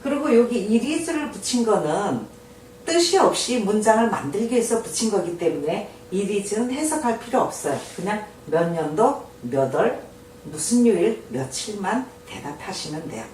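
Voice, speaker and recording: An older woman giving a patient English lesson, saying each phrase slowly and then explaining it. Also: medium pitch, big pitch swings, a little mellow. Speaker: teacher. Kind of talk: slow spoken English lesson. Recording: echoey room from far off with faint noise.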